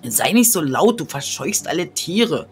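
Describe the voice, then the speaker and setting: Plaudernde Let's-Play-Spielerin mit deutschem Akzent. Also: female voice, deep voice, sing-song, unhurried. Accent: German. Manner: chatty, often drops into whispers. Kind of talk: casual gameplay commentary. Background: game music.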